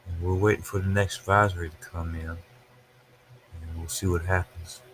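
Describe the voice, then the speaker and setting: A man's voice: sits low, level tone, normal speed, a bit bright, a little hiss or hum. A man giving casual, unscripted weather commentary over a webcam from an upstairs room at home, talking through his screen as he goes. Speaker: weather livestreamer.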